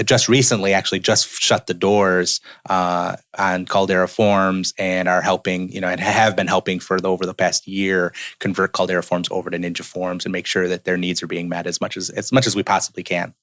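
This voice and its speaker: A man who founded businesses, a podcast guest talking earnestly and in a measured way, trailing off quietly at the ends of phrases. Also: deep voice, level tone, dry recording, clean studio sound. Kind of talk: casual interview chat.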